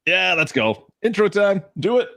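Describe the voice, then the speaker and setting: A man's voice: sits high, big pitch swings, normal speed, gravelly, sharp tone, no room sound, studio quality. A man co-hosting a casual podcast chat, easygoing and agreeable. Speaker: podcast co-host.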